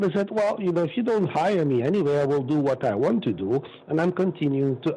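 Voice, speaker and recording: Animated conversational storytelling comes from an interview guest, a Belgian-accented man in his sixties who is emphatic, opinionated and prone to repeating words. His mid-range voice is mellow, and the poor audio carries slight background noise.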